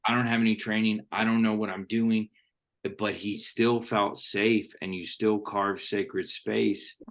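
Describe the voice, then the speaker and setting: A man hosting an interview, talking earnestly and slowing down to stress his points. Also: lowish voice, little pitch movement, a bit bright. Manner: earnest, quotes thinkers, slows for emphasis. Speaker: podcast host. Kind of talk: reflective interview talk.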